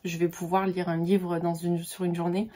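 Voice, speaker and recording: A woman's voice: lowish voice, little pitch movement, moderate pace, warm tone. A woman book vlogger chatting casually about her reading, talkative with many fillers and restarts. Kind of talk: casual chat about books.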